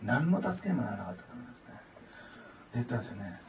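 A man's voice: lowish voice, big pitch swings, very fast, crowd noise. A male pastor giving an earnest, emotional testimony sermon, often adding "ne" to his sentences. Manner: earnest, emotional storytelling with frequent "ne". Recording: echoey room, distant mic, noisy.

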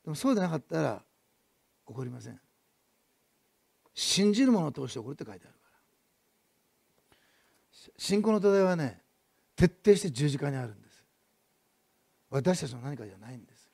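A man preaching a sermon as pastor, building to loud emphatic repetition and then dropping to soft asides. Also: a little high, very animated, brisk, gravelly, pauses often, husky, no echo.

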